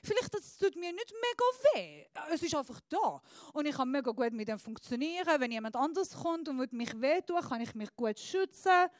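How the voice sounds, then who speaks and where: High-pitched woman preaching into a handheld mic, slow deliberate pauses, goes soft then loud. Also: sing-song, dry recording. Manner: emphatic, swings between soft and loud. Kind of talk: sermon. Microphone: handheld microphone.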